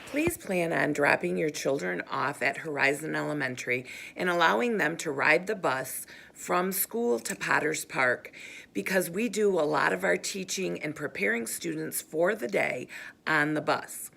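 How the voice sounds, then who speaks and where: A middle-aged woman teacher giving a slow, careful briefing to parent volunteers, pausing often as she explains. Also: low-pitched, creaky, a bit bright. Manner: slow, careful and instructive, with frequent pauses.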